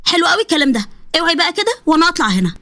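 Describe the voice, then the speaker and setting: A woman putting on a haughty high-voiced wife. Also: sing-song, very fast, pushed and bright, full character voice. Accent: Egyptian. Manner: arrogant, condescending. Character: haughty snobbish second wife, young woman.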